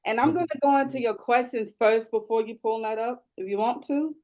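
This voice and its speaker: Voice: medium pitch, brisk, a little mellow. A panel moderator hosting a live event, upbeat and directing the audience.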